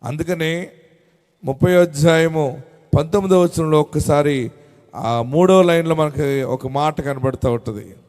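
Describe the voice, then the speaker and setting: High-voiced pastor preaching in an echoing hall. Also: male voice, darkish tone. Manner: slow emphatic repetition of phrases, urging the congregation on. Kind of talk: sermon with call-and-response. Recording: long hall reverb.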